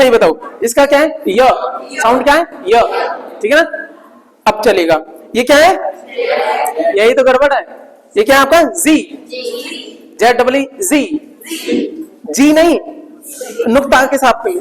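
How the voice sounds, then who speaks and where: Playful teacher drilling letter sounds. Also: male voice, very high-pitched, fairly bright tone, in a large hall, rough recording. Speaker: English teacher. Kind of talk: live online grammar class.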